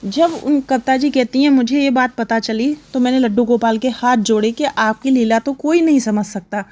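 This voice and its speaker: A woman's voice: fairly high pitch, moderate pace, a little mellow. Earnest woman telling a devotional story. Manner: retells dialogue in quoted voices, earnest.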